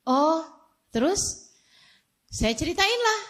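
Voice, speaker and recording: A woman in her forties, an Indonesian preacher, telling a personal story in a lively, self-mocking way. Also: extremely high pitch, takes it slowly. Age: 40s. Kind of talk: storytelling religious talk.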